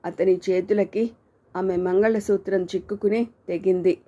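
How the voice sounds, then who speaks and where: Warm-voiced woman narrating a dramatic novel. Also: medium pitch, measured pace. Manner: steady, dramatic storytelling. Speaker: audiobook narrator.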